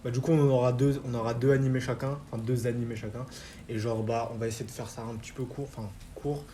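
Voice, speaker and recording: A man's voice: mid-range voice, fast talker, a little hiss or hum. Casual young man hosting an anime chat. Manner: relaxed slangy talk with many fillers. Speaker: host.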